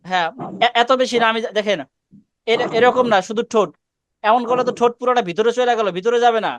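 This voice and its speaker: A man leads an online Quran recitation class over a video call, coaching students one by one. His voice sits high and moves at a fast clip. The sound is clear and dry, and he keeps correcting them with short, repeated commands. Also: dry recording.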